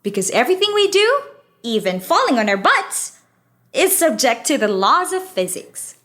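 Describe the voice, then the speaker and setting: A woman acts as a bright young female friend in an educational radio play. Her voice is high and very lively in pitch. She explains science patiently, in a knowing and lightly teasing way. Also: normal speed. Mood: patient, explanatory. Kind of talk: scripted educational audio drama.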